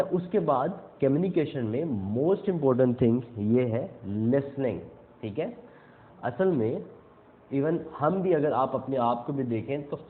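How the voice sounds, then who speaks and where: A young man who speaks on self-improvement gives a casual instructional talk, explaining things step by step and checking in often. His voice is medium-pitched, and the tinny, phone-like audio has slight background noise.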